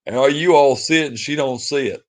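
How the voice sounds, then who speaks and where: A man's voice: mid-range voice, brisk. A man, hosting a casual livestream and reading viewer comments, talking in a pleading, sentimental, repetitive way. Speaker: livestream host.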